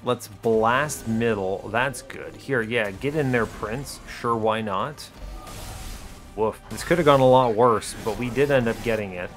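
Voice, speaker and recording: A man narrates his gaming video in short, dry, understated asides, a casual play-by-play with music in the background. He speaks a little slowly at a medium pitch.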